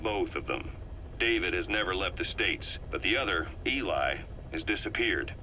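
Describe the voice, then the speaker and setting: In a video game tape, a shrewd, calculating male intelligence operative lays out a situation, speaking low, measured, and earnest with a sharp, forceful edge. He's animated, the audio is poor, and a faint hiss runs underneath.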